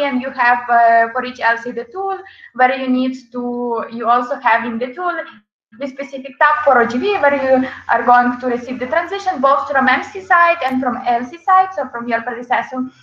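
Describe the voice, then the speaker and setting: A woman's voice: high-pitched, fairly bright tone. A young woman presenting a casual online webinar, chatty, with many fillers and frequent laughs. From Ukraine. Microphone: video call. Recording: echoey, dull video call audio.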